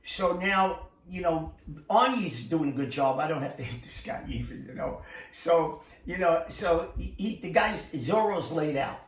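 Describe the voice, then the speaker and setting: A man's voice: a little high, lively intonation, measured pace. An older man with a New York accent, telling a street story in a rambling, repetitive way as an interview guest. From Brooklyn, New York. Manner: rambling, repeats words, acts out voices in stories. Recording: echoey room, distant from mic.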